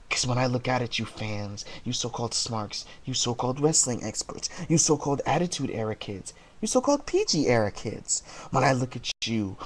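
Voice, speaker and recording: A man delivering a wrestling promo monologue as a heel, brooding and taunting, with theatrical, deliberate dramatic pauses. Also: medium pitch. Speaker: amateur wrestler cutting a promo as a heel character.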